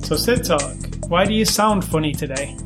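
A man's voice: a little high, moderate pace, music in the background. A British man hosting a podcast in a casual style, with dry, teasing humour. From United Kingdom. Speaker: podcast host.

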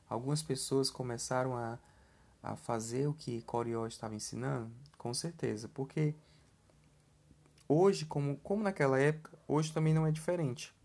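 A man teaches a scripture lesson at an ordinary middle pitch. He talks in a loose, conversational way, turns questions back to his listeners and keeps adding little tag questions. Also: a little mellow.

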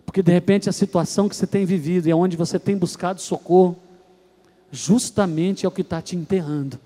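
A young man preaching a sermon from Brazil, telling stories and acting out voices, moving between soft and loud. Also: high voice, fairly even intonation, a little fast.

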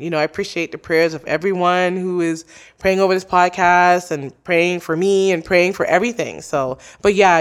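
A woman's voice: on the low side, clear, resonant tone. Chatty woman podcaster being interviewed. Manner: chatty, many likes and you knows. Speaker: podcast host, interviewed as guest. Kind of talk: casual interview chat.

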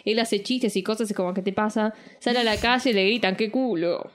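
A young woman with a Rioplatense accent, telling a story in slangy, animated casual chat. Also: medium pitch, fast. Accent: Rioplatense Spanish.

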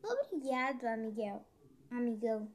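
A woman's voice: fairly high pitch, sing-song, moderate pace. Jabuti, a woman doing a sly tortoise. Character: cheeky clever male tortoise trickster.

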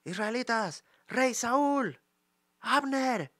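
A man voicing an ancient warrior-king, calling out loudly across a valley in a bold, taunting way. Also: expressive, drawn-out words, no room sound, clean studio sound, exaggerated voice. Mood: taunting shout. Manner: shouting high and drawn out.

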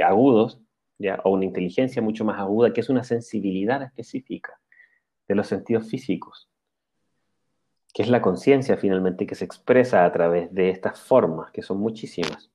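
Mellow low-voiced man giving a spiritual talk. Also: husky. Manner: checks in with a questioning "ya" tag; calm, explanatory, pauses with "eh". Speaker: spiritual speaker. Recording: dull lo-fi recording.

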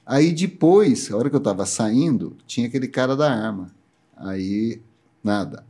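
Animated Brazilian man telling stories. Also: medium pitch. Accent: Brazilian Portuguese. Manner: animated storyteller who laughs often. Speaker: guest telling a story. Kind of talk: casual podcast chat.

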